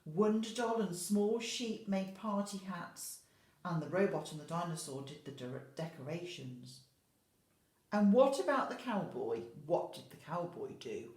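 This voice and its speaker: An infant school teacher reads a picture book expressively to young children, asking them questions and adding asides directly to them. Her voice is fairly low, animated, slightly slow, and a little mellow, and the indoor recording sounds roomy and echoey.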